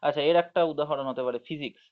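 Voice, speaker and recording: A man teaching an online class to school students, explaining slowly, checking in with frequent tag questions and drawing words out syllable by syllable, on dull lo-fi audio. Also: a little high. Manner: drawls words out syllable by syllable when demonstrating.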